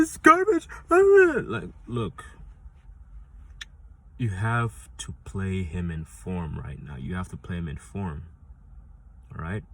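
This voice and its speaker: A man's voice: deep voice, a little mellow, a little hiss or hum. A man hosting a football fan vlog, rambling and insistent, repeating his points with many restarts. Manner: rambling, frequent restarts and fillers. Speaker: football fan channel host. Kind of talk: casual fan prediction vlog.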